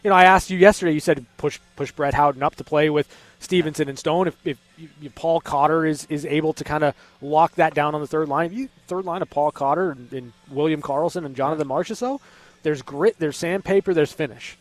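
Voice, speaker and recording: Higher-voiced male sports co-host, dry studio sound. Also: no room sound. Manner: halting, repeats words as he thinks aloud. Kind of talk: casual sports talk, hockey analysis.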